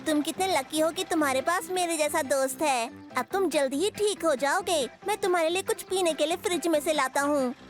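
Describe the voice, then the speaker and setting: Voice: high-pitched, brisk, few pauses, close to an everyday voice. A performer voicing an eager young male bear cub inventor in a dubbed cartoon, talking in a bustling, self-assured way. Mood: busy. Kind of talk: Hindi cartoon dubbing. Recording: music playing underneath.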